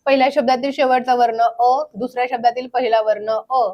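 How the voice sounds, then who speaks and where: Young female teacher, a bit high-pitched, runs a repetitive grammar drill. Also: fairly even intonation, dull audio. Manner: questions the class and answers herself; drills slowly, repeating terms. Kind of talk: grammar lecture.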